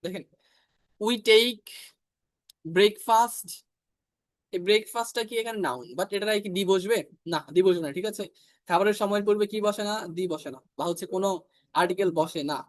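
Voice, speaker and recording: A man with a high-pitched voice teaches an online English exam class. He explains grammar rules step by step, says English example sentences slowly, and often checks that the class is following. The sound is dry and close. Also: dry recording. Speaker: IELTS teacher.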